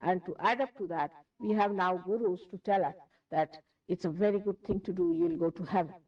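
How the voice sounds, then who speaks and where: A woman's voice: on the low side, brisk. Emphatic Indian woman on a distant, dull tape. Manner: emphatic, repeats phrases for stress. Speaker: spiritual teacher. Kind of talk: spiritual lecture.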